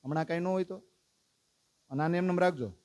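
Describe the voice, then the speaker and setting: Lively preacher with a higher voice. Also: male voice, fast talker. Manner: lively, calls out lists and prompts the audience to recite. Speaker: religious teacher. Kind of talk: devotional lesson to a congregation.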